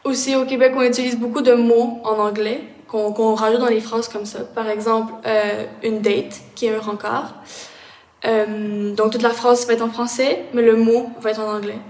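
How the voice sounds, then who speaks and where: A woman with a Québécois accent explains things to learners in an unscripted lesson, stopping often and repeating words as she goes. Her voice sits fairly high. It was recorded in a roomy space whose reverb trails on after each phrase. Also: little pitch movement, a little mellow. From Quebec, Canada. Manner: halting, with frequent pauses and repeated words. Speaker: language teacher.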